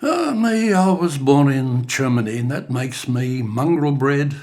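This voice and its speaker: An older man reciting his own poetry in an expressive, dramatic style in a studio. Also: medium pitch, measured pace. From Australia. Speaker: bush poet. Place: creative studio.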